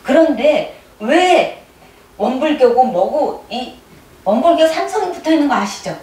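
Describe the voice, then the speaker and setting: Woman, middle-aged, testimony sermon, quizzes the audience, slightly high voice, roomy echo. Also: very animated, mellow. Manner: keeps prodding the audience with quick questions. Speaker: church speaker giving testimony. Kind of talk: conversational sermon. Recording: echoey room, mic at a distance.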